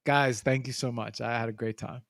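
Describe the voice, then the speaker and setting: A man's voice: mid-range voice, fairly even intonation, vocal fry, a bit bright, no room sound, clean studio sound. A man speaking as a guest in a casual chat, stumbling over his words and repeating himself as he tells stories. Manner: halting, repeats words while telling stories.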